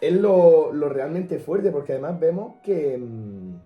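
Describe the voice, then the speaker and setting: A young man co-hosting a casual music podcast, talking hesitantly and pausing to search for words. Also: fairly high pitch, lively intonation, roomy sound, far from the mic, narrow, tinny audio. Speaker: podcast co-host. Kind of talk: casual chat about music history.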